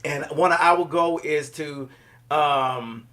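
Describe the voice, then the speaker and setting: Middle-aged man, live-stream host, chatty and upbeat, slightly high voice. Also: takes it slowly, fairly bright tone. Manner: upbeat, chatty, loose with fillers.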